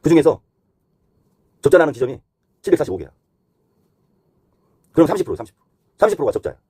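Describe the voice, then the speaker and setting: Hosting economic commentary, this man explains economy and finance off the cuff at a very rapid pace, working through his points one at a time. His rough, husky voice moves about lively in pitch, and he alternates between courteous and blunt wording. The sound is clean studio audio with no room sound.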